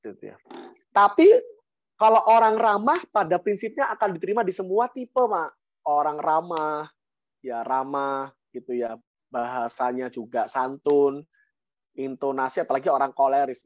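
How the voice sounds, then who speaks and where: A man with an Indonesian accent giving a motivational mentoring talk on an online call, lively, with sudden rises and repeated phrases for emphasis. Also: medium pitch, no room sound. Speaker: guest speaker, business mentor. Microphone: online call microphone. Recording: dry, dull online-call audio.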